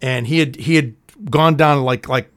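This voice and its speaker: A man's voice: mid-range voice, normal speed, no echo, studio quality. A man telling stories in a casual chat, rambling and swearing, acting out the scenes. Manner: rambling storyteller, swears often, acts out scenes.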